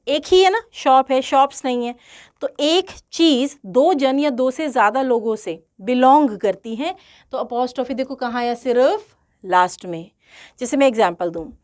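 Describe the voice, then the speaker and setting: In a grammar lesson that mixes Hindi and English, an English grammar tutor speaks slowly in a somewhat high voice. She is deliberate and repetitive about key points, and she often throws out rhetorical questions.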